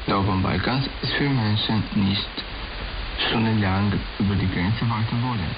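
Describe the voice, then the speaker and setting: A man reading a formal news bulletin in a steady manner, heard as a shortwave AM radio broadcast. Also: lowish voice, normal speed. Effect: heard over shortwave AM radio. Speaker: newsreader. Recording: hissy, muffled shortwave radio reception.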